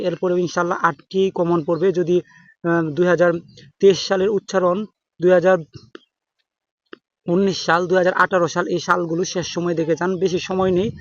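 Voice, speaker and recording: A young man with a Bangladeshi Bengali accent giving an informal exam-prep lesson, halting with many fillers and restarts. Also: high-pitched, no room sound. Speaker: exam tutor. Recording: dull dry close recording.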